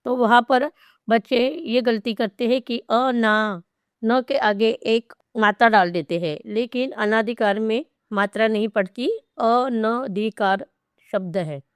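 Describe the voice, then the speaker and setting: Slow, careful woman teaching spelling. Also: fairly high pitch, smooth, no room sound, clean studio sound. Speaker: Hindi teacher. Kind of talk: spelling lesson explanation.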